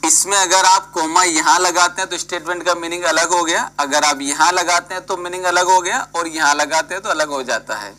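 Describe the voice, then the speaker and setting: A man's voice: on the high side, brisk, few pauses, bright, forceful tone, low-quality recording. A man teaching an engineering class online, prodding and scolding students by name and mixing English terms into his talk.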